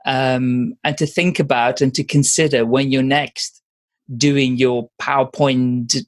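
A man co-hosting a podcast, chatting in a relaxed, agreeable manner. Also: medium pitch, takes it slowly. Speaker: podcast co-host. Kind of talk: casual podcast chat.

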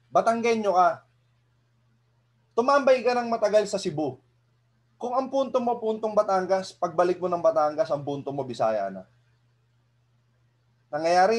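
A man giving a lively seminar talk to an audience, often asking them rhetorical questions and chuckling. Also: fairly high pitch. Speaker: motivational speaker.

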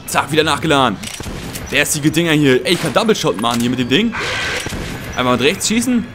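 A man doing excitable game commentary, swearing and talking back to the enemies on screen. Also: fairly high pitch, a little fast, noisy background. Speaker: let's play gamer. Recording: commentary over loud game sound.

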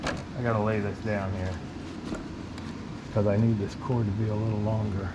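A man's voice: lowish voice, flat delivery, normal speed, highs cut off. A middle-aged man talks casually with dry little jokes as he works on a model railroad building. The sound comes from a camera mic in a garage, with a constant hum of noise behind him. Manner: chatty, wry, chuckling asides. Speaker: model railroad hobbyist, co-host. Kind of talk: casual chat while unboxing. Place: garage workshop and train room, indoors. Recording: noisy home video audio.

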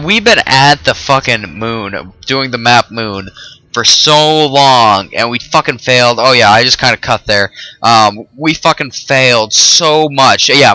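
A man's voice: mid-range voice, sharp tone, no room sound, rough recording. A man hosting a let's-play video, with rambling casual commentary full of fillers and swearing. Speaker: host of a gaming channel.

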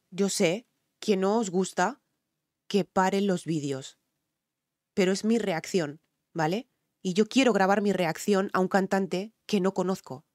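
A woman's voice: on the low side, a little mellow, no room sound, studio quality. Effusive Spanish woman reacting to a singer. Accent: Spain Spanish. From Spain. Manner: exclaiming and effusive, with frequent 'o sea' fillers. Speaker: singer and vocal coach reacting to music. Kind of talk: music reaction commentary.

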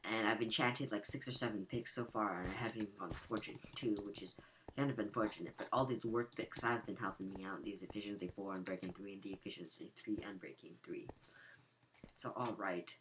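Raspy-voiced man narrating his gameplay. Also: lowish voice, a little fast. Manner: thinking aloud while he builds. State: raspy morning voice, just woke up. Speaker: gaming channel host. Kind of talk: gameplay walkthrough commentary. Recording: home mic with steady noise and clicks.

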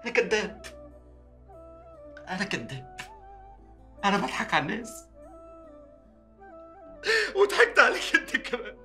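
An actor playing a weeping, despairing male doctor in a TV drama, speaking Egyptian Arabic in a low, hushed, broken voice. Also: huge pitch swings, moderate pace, long pauses, roomy sound, soft background music, heavily acted. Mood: grieving. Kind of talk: TV drama acting.

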